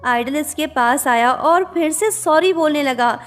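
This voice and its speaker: A woman narrating a drama recap in a brisk, chatty way, mixing in English words. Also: high voice. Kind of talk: casual story recap narration. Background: faint music.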